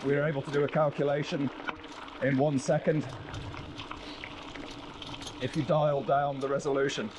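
A man's voice: on the high side, little pitch movement, moderate pace, pauses often. A man giving a live spoken tech demonstration outdoors on an action camera. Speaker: product demonstrator. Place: outdoors on a woodland bike trail. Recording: outdoor noise, clicks.

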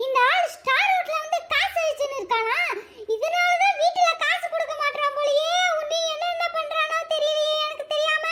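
A woman's voice: very high voice, heavy background noise. A woman playing a jealous, scolding wife who cries out and laments dramatically in a comedy skit. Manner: dramatic lamenting, crying out to God. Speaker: comic actor in a skit.

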